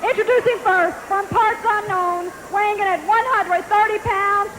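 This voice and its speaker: High-pitched ring announcer over arena noise. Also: fairly even intonation, normal speed. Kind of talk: boxing-style ring announcing, drawn-out introductions.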